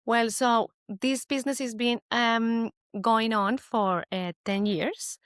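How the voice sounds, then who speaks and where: A woman's voice: on the high side, steady tone, slow pace, a bit bright, no echo, studio quality. A woman in her forties from Colombia, with a Colombian Spanish accent, talking about her business as an interview guest in a hesitant, restarting way. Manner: hesitant, many fillers and restarts. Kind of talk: casual interview chat.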